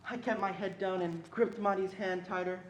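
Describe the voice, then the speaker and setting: Recorded in an echoey space with slight background noise, a student performer narrates as a protective older brother recalling his boyhood, solemn and reflective. The voice is medium in pitch, steady, moderately paced and natural.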